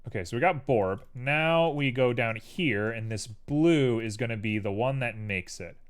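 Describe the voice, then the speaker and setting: A man's voice: mid-range voice, measured pace, smooth. A young man streaming while he 3D models, muttering to himself in a playful, rambling way. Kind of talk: casual livestream commentary while 3D modeling.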